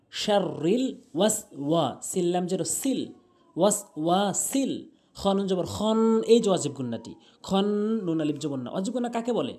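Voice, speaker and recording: A man teaching Quran pronunciation, spelling out each letter and vowel, then chanting the verse slowly with long drawn-out notes. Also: fairly high pitch, warm tone.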